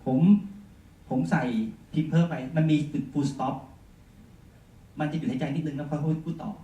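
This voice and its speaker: A male teacher giving a chatty software demonstration lesson, full of polite particles. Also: on the high side, fairly even intonation, normal speed. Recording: echoey room, mic far off, faint noise.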